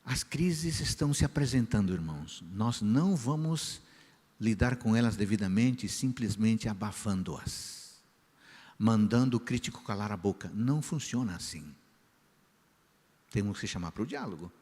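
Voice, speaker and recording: A man preaching a sermon as pastor, who tells a story with lively quoted voices. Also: on the low side, moderate pace, breathy edge. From Brazil. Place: large church hall. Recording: church hall reverb.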